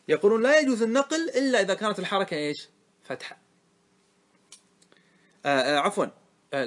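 A man teaching a grammar lesson to a class, explaining the rules and checking often whether his students follow. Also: high-pitched. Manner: asks students quick check questions; chants verses slowly. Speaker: sheikh teaching Arabic grammar. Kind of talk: classroom lecture explaining verse.

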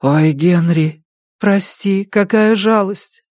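A woman's voice: medium pitch, expressive, moderate pace, no echo, clean studio sound, pitched above the performer's own voice, natural voice. A narrator voicing a stubborn, firm woman who befriends crows, in an audiobook. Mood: gentle. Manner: firm, indignant, then gentle.

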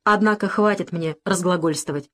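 Woman narrator playing a hearty young soldier son in an audiobook, lifted and lively. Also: on the low side, moderate pace. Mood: jovial. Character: young adult man, soldier son back from the front, cheerful and joking.

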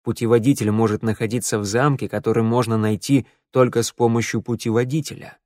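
A man reading an audiobook voices a grave, stern masked warrior who speaks in a measured way. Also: mid-range voice, steady tone, darkish tone, no room sound, studio quality, lightly acted.

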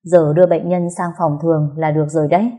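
A woman voicing a hospital doctor giving a calm, matter-of-fact report in a storybook reading. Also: low voice, fast talker, close to an everyday voice.

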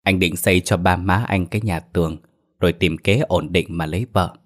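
An earnest young suitor, plain-spoken and eager as a male storyteller reads him. His deep voice stays calm and sincere. It sounds like a narrated village tale. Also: moderate pace. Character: young man back from the city, eager suitor.

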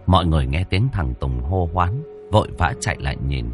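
A man narrating a ghost story in an expressive storytelling manner. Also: deep voice, brisk, faint music behind.

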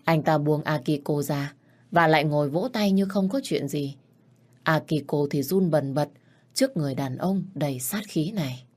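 A woman reads a romance story aloud in a steady, even manner. Her voice is notably low for a woman. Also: moderate pace. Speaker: audiobook narrator. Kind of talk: storytelling narration.

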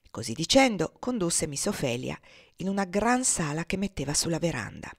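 A woman reading a classic novel aloud in a measured, steady storytelling manner. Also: fairly low pitch, no room sound, clean studio sound. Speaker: audiobook reader. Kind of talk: literary audiobook narration.

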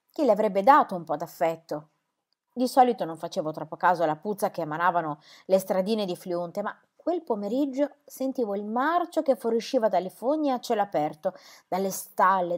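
A woman narrating a historical novel aloud in a measured, expressive storytelling manner. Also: medium pitch. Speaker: audiobook reader.

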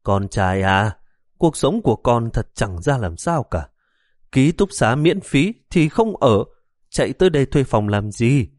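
A man's voice: medium pitch, very animated, measured pace, darkish tone, no echo, studio quality. A man voicing a fussy, worried old mother who nags and scolds her grown son. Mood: nagging. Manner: scolding, fretful.

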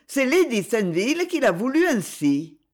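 A woman voicing a timid, polite young woman who is a poor relative, speaking softly and hesitantly in a storybook reading. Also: fairly high pitch, very animated, normal speed, pitched above the performer's own voice. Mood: shy polite.

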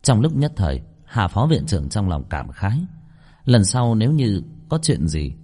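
A man narrates a novel with a low, mellow voice. His pitch moves in lively swings as he tells the story. A long reverb hangs on every phrase. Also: normal speed, slightly rough. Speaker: audiobook narrator. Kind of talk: scripted narration.

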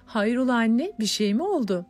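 A woman's voice: a little high, sing-song, moderate pace, a little mellow, soft background music, pitched above the performer's own voice. A woman voicing a cheerful teenage girl.

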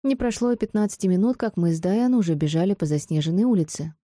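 A woman reading a novel aloud in first-person audiobook narration, with steady storytelling. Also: mid-range voice, quick pace, dry recording, studio quality. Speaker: audiobook reader.

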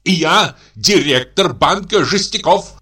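A man voicing a pompous, indignant bank director who talks in a high, outraged, stiffly formal way. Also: animated, a little slow, pushed and bright.

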